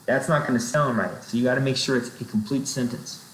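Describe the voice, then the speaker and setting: A man's voice: mid-range voice, fairly even intonation, fairly quick, fairly bright tone. A man explaining sentence structure in a recorded lecture, checking in with "right?" and "okay?" as he goes. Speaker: writing instructor. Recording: roomy echo, faint noise.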